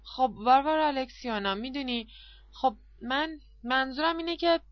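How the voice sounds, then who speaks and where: Woman narrator doing a shy old man, hesitant, halting, soft-spoken, audiobook reading, slightly muffled lo-fi sound. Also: high-pitched, no room sound, voice pushed up, lightly acted. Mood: sheepish, confessing. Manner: hesitant, sheepish, faltering. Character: timid flustered poor old man.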